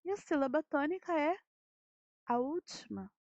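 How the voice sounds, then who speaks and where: A woman's voice: high voice, expressive, normal speed, creaky, a little mellow, dry recording. A Brazilian Portuguese-speaking woman teacher explaining a grammar lesson, asking rhetorical questions and often checking with "né". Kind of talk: recorded classroom lesson. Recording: dull lo-fi dry audio.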